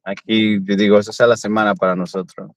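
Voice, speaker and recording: A man with a Peninsular Spanish accent hosts a casual chat from a car. His voice sits fairly low, and the sound is dry and close. He keeps the talk going with easy questions. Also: little pitch movement, fast, no echo, poor audio. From Spain. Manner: chatty, asks many questions. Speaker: host. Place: car on a drive.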